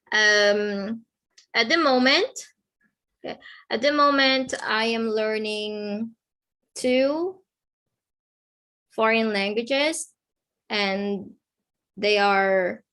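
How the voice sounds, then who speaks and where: Somewhat high and slightly bright, a woman's voice leads an online lesson. She takes it slow and patient, repeating important words and following each point with "okay?".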